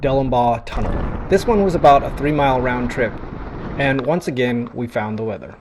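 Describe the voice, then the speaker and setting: A man's voice: medium pitch, normal speed, noisy background. Man narrating a travel vlog. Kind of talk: scripted voice-over narration. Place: voice-over recorded apart from the footage. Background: music.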